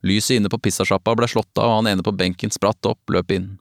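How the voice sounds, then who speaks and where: A man narrating a novel in the first person, calm and even, as an audiobook. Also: on the low side, no room sound, clean studio sound.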